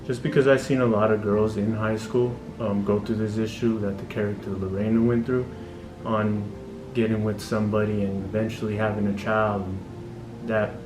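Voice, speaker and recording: A man's voice: lowish voice, far from the mic. A young man from California's Central Valley, a community college student, giving a hesitant, unscripted testimonial with frequent ums. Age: young adult. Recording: roomy, off-mic, music underneath.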